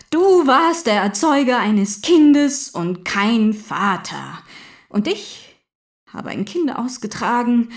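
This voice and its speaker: An actress playing a bitter, unraveling young woman militant in jail, in a theatrical stage monologue that swings between hushed whispers and shouted outbursts. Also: fairly high pitch, heavily acted. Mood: bitter, scornful.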